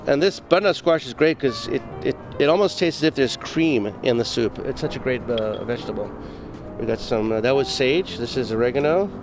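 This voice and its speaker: Give me a chatty chef from Zimbabwe, outdoors. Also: male voice, medium pitch, a little fast, music in the background. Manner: chatty, stop-start, frequent fillers. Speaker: executive chef. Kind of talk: live cooking demo on morning news. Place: outdoor patio.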